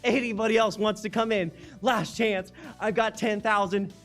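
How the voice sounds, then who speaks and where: A man calling a live charity auction, energetic and loud, counting down bids. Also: high-pitched, moderate pace.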